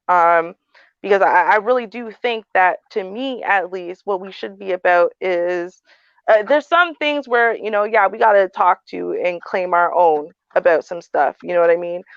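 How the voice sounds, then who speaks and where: A woman's voice: on the low side, moderate pace, gravelly, clear, resonant tone, dry recording. Blunt outspoken woman on dull audio. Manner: blunt, frank, frequent fillers. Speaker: panel host. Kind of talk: casual panel discussion.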